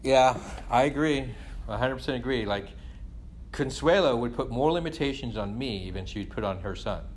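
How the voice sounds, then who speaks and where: Venting casually, a middle-aged man from England rambles on at normal speed in a medium-pitched voice, frequently using "you know" and "like." His parents are Guyanese of Indian descent, and he was born in England. There is slight background noise.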